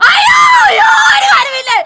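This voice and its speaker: A shrill, greedy middle-aged daughter, acted by a young man on stage, her voice leaping high and bright as she howls her grief in a loud, theatrical way. It is a stage comedy drama. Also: very animated, moderate pace, heavily acted. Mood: wailing.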